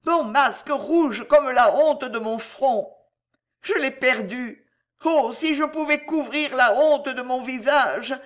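A woman's voice: high-pitched, slow. A woman voicing a frantic, half-mad young woman. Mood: anguished. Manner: breathless, imploring, rising to cries. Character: distraught mad young woman, fearful and pleading. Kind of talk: audiobook reading.

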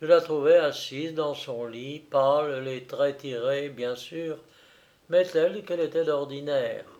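Guy reading a novel out loud, slow and careful, kinda high voice, suspenseful. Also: dull audio. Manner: measured, suspenseful storytelling. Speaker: audiobook reader. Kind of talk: scripted narration of a novel.

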